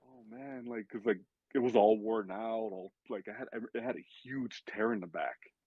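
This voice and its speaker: A man's voice: fairly low pitch, normal speed, vocal fry, slightly rough, no room sound. A man telling casual stories as a podcast guest, rambling with many restarts and filler words. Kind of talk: casual storytelling. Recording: tinny phone-like sound.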